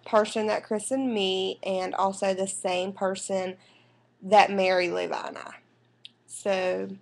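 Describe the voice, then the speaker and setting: A young woman with a drawl talks slowly and unhurriedly, drifting from thought to thought with fillers and restarts. Her pitch sits in an ordinary middle range. She is at home, speaking into a computer's built-in microphone. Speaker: vlogger and new mother. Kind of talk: casual rambling life update. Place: indoors at home. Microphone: computer webcam microphone.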